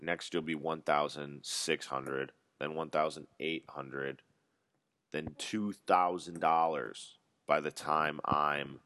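A man's voice: extremely low pitch, a bit bright, slight background noise. A man in his twenties rambling through a solo casual monologue, ranting and swearing freely as he talks. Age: 20s.

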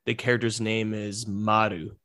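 A man's voice: on the low side, level tone, normal speed, pushed and bright. A man co-hosting a podcast, talking casually and agreeably, with the odd laugh. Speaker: podcast co-host.

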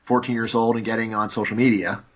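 Speaking fast in a low voice with little pitch movement, this man holds forth as an interview guest. He is argumentative and keeps filling his points with "you know" and "like." The recording is lo-fi.

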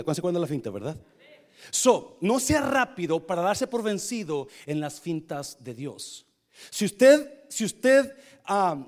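Animated bilingual pastor, high lively voice. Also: male voice. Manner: animated storytelling, switching between Spanish and English; asks the congregation questions. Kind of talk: sermon with personal story.

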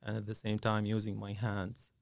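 A man's voice: fairly low pitch, monotone, moderate pace, creaky, darkish tone, no room sound. A man, a dentist talking as a guest in a podcast studio, hesitant and full of fillers. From Syria. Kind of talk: casual interview.

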